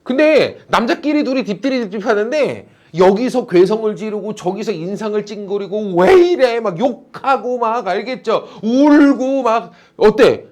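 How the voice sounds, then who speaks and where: A man's voice: sits high, a little mellow. A male teacher giving a classroom lecture, teasing and calling on students by name.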